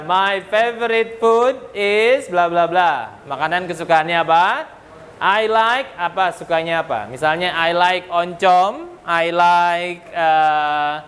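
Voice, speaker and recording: A man's voice: sits high, a bit bright. A man teaching English vocabulary to a class, joking and quizzing the students. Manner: joking, asks the class questions. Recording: noisy classroom recording.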